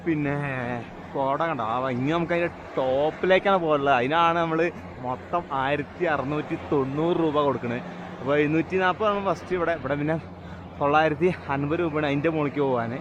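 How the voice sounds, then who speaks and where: A man with a Malayali accent chats casually and excitedly to viewers, repeating phrases and mixing Malayalam with English slang. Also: on the high side, fast, lo-fi sound. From Kerala, India. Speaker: travel vlogger. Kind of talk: casual vlog chat to viewers. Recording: noisy outdoor ambience with vehicle sounds. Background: outdoor ambience, vehicle noise.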